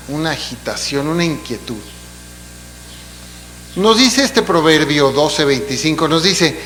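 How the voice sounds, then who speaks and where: A man's voice: on the high side, a bit bright. A man preaching a sermon in a church, explaining in a conversational way with asides and rhetorical questions. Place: church hall. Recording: long hall reverb, faint hum.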